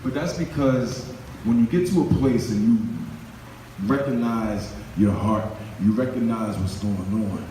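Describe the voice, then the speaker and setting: A man with a mellow, dark voice gives an earnest, conversational talk to a crowd. He is heard from far off in a roomy hall with a long echo and faint ambience behind him. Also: fairly low pitch, a little slow, a little hiss or hum. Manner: earnest, conversational, repeats words. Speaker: event speaker. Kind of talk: motivational speech to a live crowd. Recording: echoey hall, recorded from far off.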